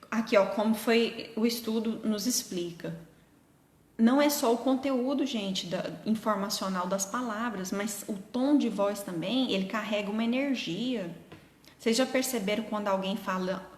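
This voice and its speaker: A middle-aged woman hosting a live stream, speaking gently and earnestly and answering her viewers' comments. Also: mid-range voice, unhurried. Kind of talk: casual live chat with viewers. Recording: echoey room with long reverb.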